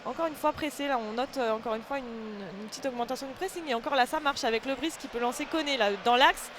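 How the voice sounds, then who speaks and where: High-pitched, halting live football co-commentator. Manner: hesitant, halting, repeats words while explaining. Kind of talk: live sports commentary and analysis. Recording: noisy outdoor ambience behind the voice.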